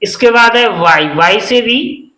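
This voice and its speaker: A man's voice: very high voice, expressive, slow pace, bright, forceful tone, echoey room, poor audio. A man teaching a beginners' phonics lesson, spelling words letter by letter and answering his own questions.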